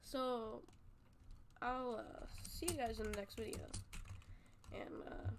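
A woman with a fairly high voice gives relaxed gameplay commentary into a desk mic. She rambles in a friendly way, restarting and correcting herself mid-sentence. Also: slow pace, slight background noise. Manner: rambling, chatty, self-correcting. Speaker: gaming YouTuber. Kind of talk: casual game tutorial commentary.

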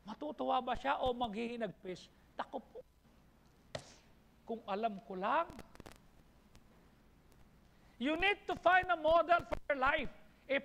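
A man's voice: very high-pitched, fairly bright tone. A man with a Filipino accent preaching a sermon as pastor, building emphatic lists. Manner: preaching in mixed Tagalog and English, rising emphatic lists. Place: church hall. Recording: long hall reverb in a church.

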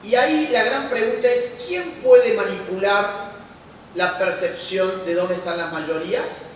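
Unhurried and high-pitched, an Argentine man delivers a forceful public lecture, tossing out rhetorical questions he then answers. He speaks into a handheld mic in a big church hall turned lecture venue, and a distant camera records echoey audio with a little hiss or hum.

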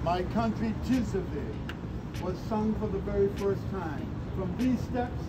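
A man in his sixties projecting like a town crier as a theatrical historical tour guide, in short emphatic phrases with dramatic pauses. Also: high-pitched. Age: 60s. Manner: declamatory town crier delivery, projecting to a group. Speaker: costumed Freedom Trail tour guide. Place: outdoors in parks and streets among a tour group. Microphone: handheld phone a few steps away. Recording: phone recording with outdoor city noise.

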